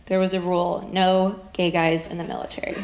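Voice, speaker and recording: A woman performing stand-up comedy into a stage microphone, with dry, conversational joking and drawn-out punchlines, to audience laughter. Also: lowish voice, little pitch movement, gravelly. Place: live comedy venue. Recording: roomy live stage sound with crowd noise.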